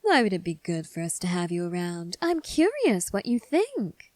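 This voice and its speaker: A woman playing a cynical, taunting gang member in an ASMR role-play, speaking in a sardonic, teasing, unhurried way. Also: on the low side, wildly swooping pitch, darkish tone, dry recording, clean studio sound. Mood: amused, taunting.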